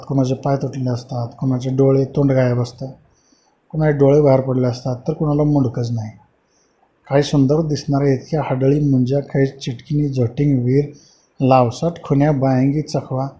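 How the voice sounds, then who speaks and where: A man telling a horror story in a slow, dramatic storytelling manner, in a dull lo-fi recording with faint hiss. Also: medium pitch, dark tone. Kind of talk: scripted horror narration.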